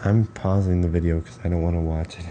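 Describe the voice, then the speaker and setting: A man's voice: sits low, level tone, fast, dark tone, a little hiss or hum. A man co-hosting a reaction video with playful, goofy banter and swearing. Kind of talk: casual reaction commentary.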